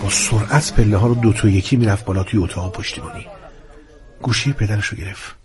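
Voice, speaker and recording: A man narrating a story in a steady, storytelling manner. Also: lowish voice.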